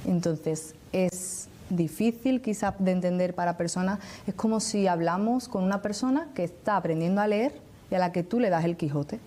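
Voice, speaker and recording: A woman with an Andalusian accent explaining things as an interview guest, measured and didactic, pausing to choose her words. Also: on the low side, warm tone, a little hiss or hum. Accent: Andalusian Spanish. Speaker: interview guest, academic researcher.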